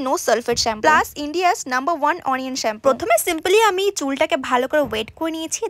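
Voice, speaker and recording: Woman, vlog voice-over, upbeat and persuasive, bright tone, dry recording. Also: high-pitched, dry recording. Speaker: vlogger. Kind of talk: voice-over narration and product promotion.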